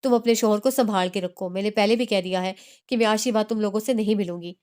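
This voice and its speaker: A woman's voice: mid-range voice, steady tone, a little mellow, clean tone, natural voice. A woman reading the part of an unhappy young married woman who tearfully defends her marriage. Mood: defensive.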